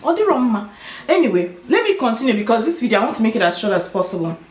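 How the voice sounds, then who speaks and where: A woman's voice: fairly high pitch, sing-song, fast talker. A woman with a Nigerian Igbo accent talking casually and emphatically to her viewers, giving her opinions. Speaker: video host. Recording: roomy, echoing sound.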